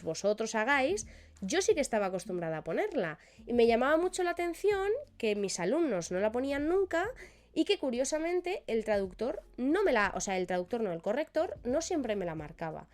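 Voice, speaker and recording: A woman's voice: a little high, darkish tone. A woman with an accent from Spain, a Spanish language teacher explaining spelling rules on a live stream and often checking in with her listeners.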